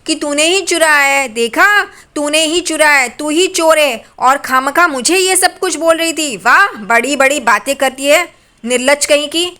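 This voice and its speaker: A woman's voice: sits high, steady tone, normal speed, bright, forceful tone, pitched above the performer's own voice. A woman voicing a spiteful, scheming middle-aged woman who taunts her daughter-in-law scornfully. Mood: taunting.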